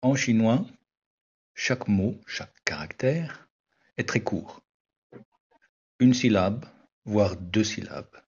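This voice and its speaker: A man, a language teacher, narrating a scripted explanation in a measured, wry way. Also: on the low side, lively intonation, darkish tone, slightly rough. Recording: dull lo-fi recording.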